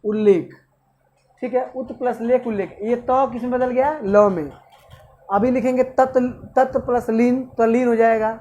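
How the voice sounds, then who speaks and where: A man's voice: very high voice, steady tone, measured pace, mellow, highs cut off. A male teacher giving an exam-prep grammar lesson, asking questions and answering them himself. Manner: asks and answers own questions, repeats "okay".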